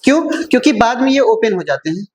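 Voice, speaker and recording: Teacher who keeps checking "clear?". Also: medium pitch, big pitch swings, darkish tone, a little hiss or hum, rough recording. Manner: keeps asking "clear?" and answering own questions; repeats key points slowly. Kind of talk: classroom lecture mixing Hindi and English terms.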